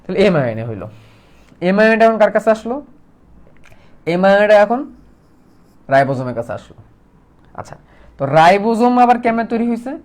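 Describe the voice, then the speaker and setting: A man teaching a casual biology lesson, lively and full of questions to students. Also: sits high, a little fast, long pauses. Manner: lively, asks students questions and plays out molecules as characters.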